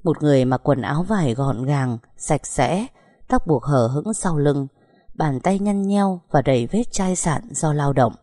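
Low-voiced woman narrating a story. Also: animated, measured pace, dark tone, dry recording, studio quality.

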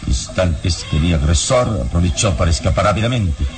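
Kalimán, deep calm hero. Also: male voice, music in the background. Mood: calm recounting. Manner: measured, composed, explanatory storytelling. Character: calm, heroic adult male mystic adventurer. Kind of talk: vintage radio drama acting.

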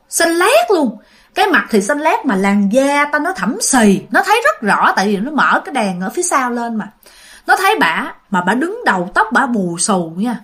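A woman narrates a ghost story in a chatty style, often speaking straight to her listeners. Her voice sits high and swings widely in pitch. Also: a bit bright. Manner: chatty, addresses listeners directly.

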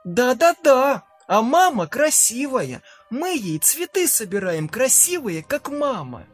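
Two cheerful, trusting little girls of about ten chatter in a very high voice, as a male narrator puts them on. They sound open and excited. They are part of a spoken storybook. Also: takes it slowly, soft background music, full character voice. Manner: high, bright childlike chatter.

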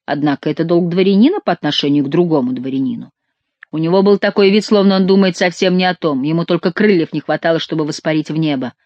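A woman narrates a novel in steady storytelling fashion. Her voice sits low, the recording is very dry, and the sound is slightly dull. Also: fast, no room sound. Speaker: audiobook narrator. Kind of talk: scripted narration.

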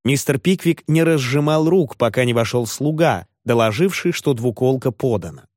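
A man reads a classic novel aloud as audiobook narration, slipping into voices for the characters. His pitch is middling. The sound is dry and close, with no room echo. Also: lively intonation, normal speed, darkish tone.

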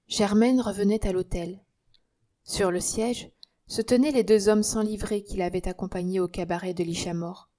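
A woman reading a nineteenth-century novel aloud in a measured, dramatic way. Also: medium pitch, mellow. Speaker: audiobook reader.

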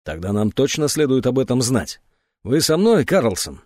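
A man's voice: medium pitch, sing-song, moderate pace, a little mellow, no room sound, natural voice. A man reading aloud, voicing a determined man who takes charge and asks firm questions.

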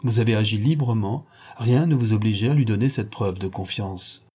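Brief: guilty millionaire banker, read by a man, measured, mellow tone. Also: lowish voice, husky. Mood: calm. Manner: measured, reasoning.

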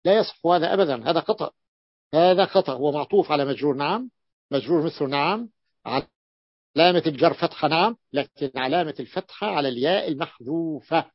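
A man's voice: a little high, lively intonation, fast, breathy edge, no room sound. A male sheikh teaching a grammar lesson to students, repeating and drawing out words to stress them. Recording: dull lo-fi dry recording.

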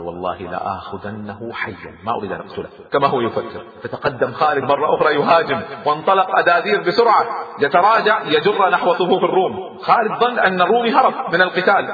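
A man giving a lively, dramatic history lecture as a storyteller, acting out the dialogue, recorded in an echoey hall. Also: a little high, highs cut off.

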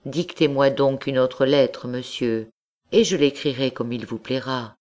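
Femme qui lit une marquise condamnée, posée et formelle. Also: female voice, a bass voice, steady tone, a little mellow. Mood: solemn. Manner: measured, formal old-fashioned speech. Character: condemned noblewoman confessing, devout and anxious.

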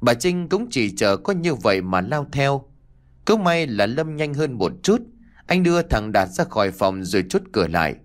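Lively male audiobook narrator. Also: mid-range voice, normal speed. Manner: expressive, dramatic storytelling. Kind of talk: scripted horror story narration.

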